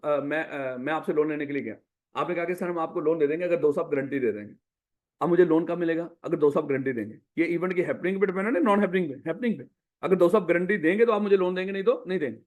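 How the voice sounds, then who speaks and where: A man teaching a revision class in business law. He asks the class questions, answers them himself, and calls the students "my child". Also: fairly high pitch. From Pakistan.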